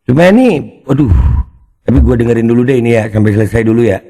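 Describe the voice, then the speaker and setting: A man's voice: medium pitch, lively intonation, quick pace, gravelly, warm tone. A man hosting a commentary channel, mocking and taunting someone he is reacting to. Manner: taunting, exclamatory, addresses opponent directly.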